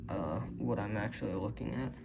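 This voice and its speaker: This circuit-building hobbyist has a fairly low, gravelly voice and speaks fairly quickly while narrating his tinkering. He is hesitant and unsure and keeps correcting himself. The camera-mic recording is very noisy.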